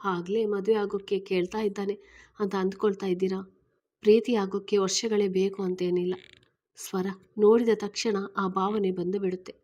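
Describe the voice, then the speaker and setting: A woman voicing an earnest man in his thirties who gently and eagerly asks a woman to marry him, in a read-aloud story. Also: medium pitch, little pitch movement, normal speed, natural voice.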